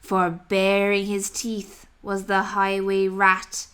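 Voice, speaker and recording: A woman narrating a children's story aloud with expressive, deliberate delivery. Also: medium pitch, smooth.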